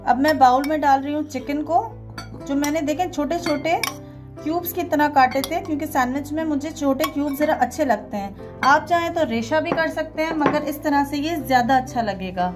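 Over music, a woman narrates a step-by-step cooking tutorial for a home recipe, mixing English words into her speech. Her voice sits high, her pace is moderate, and her tone is conversational and instructional.

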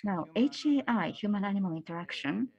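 A woman's voice: mid-range voice, lively intonation, a little fast, darkish tone, slightly rough. A woman working as a simultaneous interpreter, voicing questions into English as an interpretation voice-over on a video call. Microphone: video call interpretation channel. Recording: dull lo-fi video call audio.

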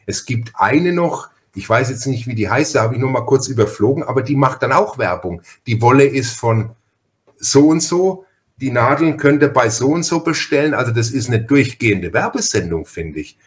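Expressive and moderately paced, a mid-range male voice with a Franconian accent hosts a casual podcast interview. The man, from Franconia in Germany, tells stories in a chatty, folksy way, pausing and picking back up.

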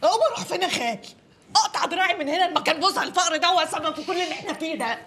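An actress playing a fiery young woman, sharp-tongued and grieving. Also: extremely high pitch, very fast, a little hiss or hum. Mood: upset.

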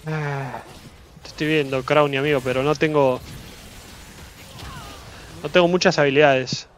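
A man with a Rioplatense Spanish accent giving excitable live gameplay commentary as a streamer, swearing casually and repeating his phrases. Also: a little high, unhurried, a little hiss or hum.

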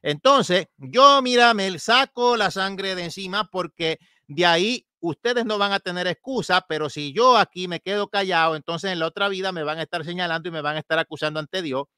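Sharp, combative preacher man. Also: high voice, a little fast, few pauses, clear, resonant tone, dry recording, studio quality. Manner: combative, scolding, mocking. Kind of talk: sermon-style commentary.

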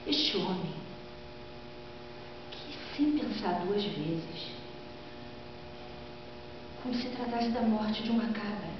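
A woman's voice: mid-range voice, lightly acted. Woman acting a proud, vengeful queen, very echoey. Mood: defiant, indignant. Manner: theatrical, declamatory, emphatic dramatic reading with drawn-out phrases. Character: proud, vengeful queen who killed her husband, defiant and gloating. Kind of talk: dramatic stage reading of Greek tragedy. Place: large classroom or lecture room, indoors. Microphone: far camera microphone. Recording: echoey hall from afar, dull sound, mains hum.

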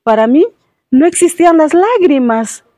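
A woman's voice: sits high, animated, moderate pace, no echo, studio quality, voice pushed up. A woman playing a sorrowful statue prince. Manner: soft, sorrowful storytelling. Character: sad statue prince, gentle and regretful.

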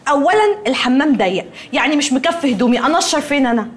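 A sharp-tongued, bickering roommate. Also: female voice, high voice, lively intonation. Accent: Egyptian Arabic. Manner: bickering, quick comebacks. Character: young woman roommate, touchy and sharp-tongued.

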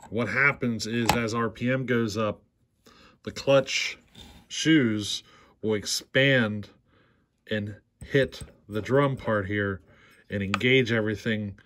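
At his workshop bench, the host of a chainsaw repair channel demonstrates a fix in a fairly low, slightly bright voice, with slight background noise. He speaks plainly and without hurry, often asking "see how".

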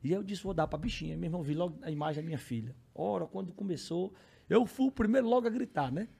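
A man with a Cearense accent, a podcast guest telling a story, acting out voices and shouting the bids. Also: high voice, animated, fast, gravelly, breathy edge. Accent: Cearense Brazilian Portuguese. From Ceará, Brazil. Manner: acts out others' voices, shouts bids, laughs while telling. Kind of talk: animated storytelling.

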